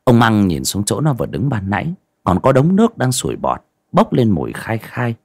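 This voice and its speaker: A man narrating a horror story in an expressive, dramatic way. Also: on the low side, normal speed, slightly rough, dry recording, clean studio sound.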